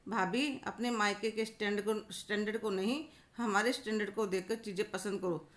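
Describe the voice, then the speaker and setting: Snobbish young daughter, mocking, read by a woman storyteller; middle pitch. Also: fairly even intonation, moderate pace, fairly bright tone, natural voice.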